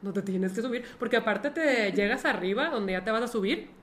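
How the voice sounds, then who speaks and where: A woman's voice: on the high side, expressive, fairly quick, a little hiss or hum. A young woman with a Mexican accent, co-hosting a podcast and telling a travel story in a chatty way. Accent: Mexican Spanish. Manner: chatty, frequent "ajá" backchannels. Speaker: podcast co-host. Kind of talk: casual chat, storytelling.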